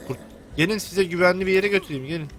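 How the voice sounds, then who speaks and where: A young man talks through his gameplay in a loose, joking way and keeps swearing at the characters on screen. His voice sits a little high for a man. Faint game music plays underneath him. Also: quick pace. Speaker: gameplay commentator. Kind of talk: let's play commentary.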